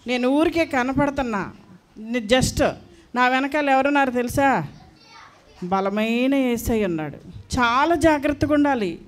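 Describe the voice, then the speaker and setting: A woman's voice: high-pitched, lively intonation, a little slow, long pauses. A woman teaching a class of young children at a church school, firm and coaxing, repeating her commands.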